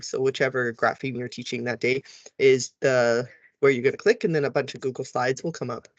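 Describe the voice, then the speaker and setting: Man, teacher trainer, relaxed explanatory tutorial, models letter sounds, dry close audio. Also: mid-range voice, no room sound. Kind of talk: recorded tutorial walkthrough.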